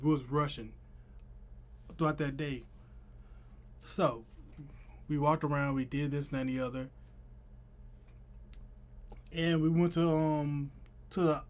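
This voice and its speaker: A young adult man with a slightly high voice tells a story in a loose, chatty vlog style. He has a noticeable lisp, his s sounds coming out slushy like sh. His wording is informal and slangy, recorded at home a little way from the mic. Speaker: vlogger. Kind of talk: casual storytelling to camera. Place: small room at home.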